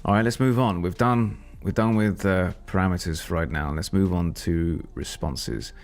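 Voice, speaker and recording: Deep, gravelly man coding live. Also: normal speed. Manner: thinking aloud, rambling with restarts. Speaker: software developer live-streaming. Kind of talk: casual live coding stream.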